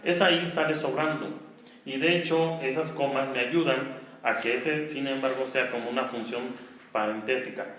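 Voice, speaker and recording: A man's voice: mid-range voice, fairly even intonation, normal speed, fairly bright tone. A man with a Mexican Spanish accent giving an online grammar lesson, explaining step by step and often checking in with the class. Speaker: teacher. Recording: very echoey room, faint noise.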